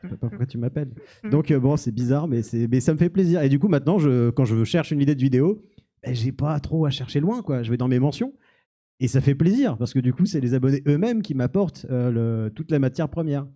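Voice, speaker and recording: A man's voice: medium pitch, animated, fairly quick, mellow. A man answering audience questions on stage, rambling and self-mocking with many restarts. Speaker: youtuber guest. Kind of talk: live Q&A on stage. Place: small cinema-café venue with audience.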